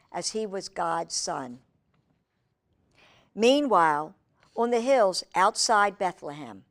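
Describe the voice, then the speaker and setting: With a mid-range voice, a woman reads aloud to young children, speaking directly to them in a deliberate, expressive storytime style.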